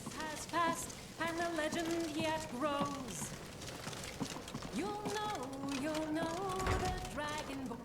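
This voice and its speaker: A woman's voice: high voice, takes it slowly. An actress playing a proud female bard who sings heroic folk ballads in a fantasy game. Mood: stirring. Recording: roomy, loud music accompaniment.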